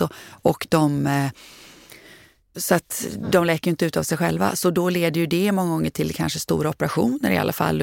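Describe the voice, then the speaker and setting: A woman co-hosting a podcast, speaking in a heavily gravelly, creaky voice. She is thoughtful and hesitant, full of fillers and restarts. The room sounds dry and close to the mic. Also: low-pitched, a little mellow, no room sound. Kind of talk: casual podcast chat.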